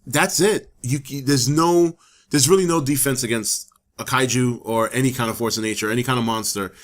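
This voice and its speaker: A man hosting his own channel talks casually to camera, sharing his opinions while a little hoarse from the flu. He rambles with lots of fillers and restarts, speaking at a moderate pace in a mid-range voice.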